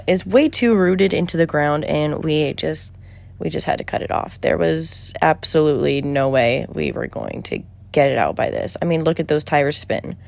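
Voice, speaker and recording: A woman's voice: low-pitched, vocal fry, darkish tone. A woman in her early twenties narrating a casual vlog voiceover in a conversational, wry way, close to the mic. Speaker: vlogger.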